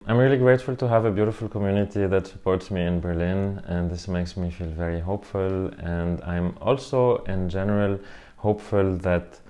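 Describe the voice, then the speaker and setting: A man from southern Lebanon in his thirties, giving an earnest personal interview. His voice sits very low and stays fairly flat, with a dark, mellow tone. He speaks in measured phrases and pauses with small fillers between thoughts.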